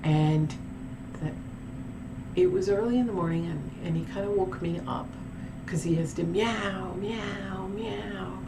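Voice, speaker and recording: A woman's voice: on the low side, moderate pace, long pauses, noisy background. A woman telling a paranormal story in a casual, rambling vlog with many restarts and asides. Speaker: paranormal vlogger.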